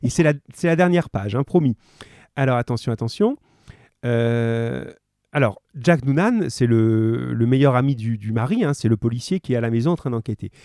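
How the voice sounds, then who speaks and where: A man's voice: medium pitch, moderate pace, no echo, studio quality. A male teacher running a live radio class, encouraging students who call in and reading a story aloud. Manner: lively, encouraging, full of fillers.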